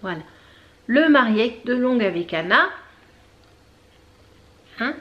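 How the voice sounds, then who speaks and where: A woman hosting a knitting video podcast from home, chatting casually with many fillers, pausing to search for words and things. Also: medium pitch, lo-fi sound. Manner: chatty, talks straight to viewers. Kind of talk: casual show-and-tell chat.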